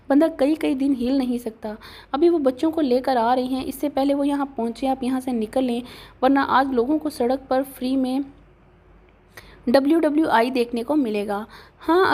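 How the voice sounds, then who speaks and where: A woman's voice: high voice, warm tone. A woman reading a romantic novel aloud, narrating and voicing every character's lines with light changes in delivery. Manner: reads all the characters' lines in a lightly varied voice.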